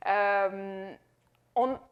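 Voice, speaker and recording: Speaking very slowly with a steady tone, a French-accented woman from France presents on business as an AI consultant in Quebec, repeating words and leaning on fillers. Her voice is medium-pitched, and the recording's highs are cut off.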